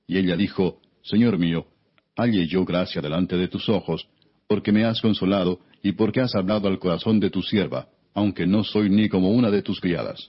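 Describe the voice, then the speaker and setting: A man narrating scripture as an audiobook in a solemn, measured reading style. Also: deep voice, breathy edge. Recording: dull, muffled lo-fi recording.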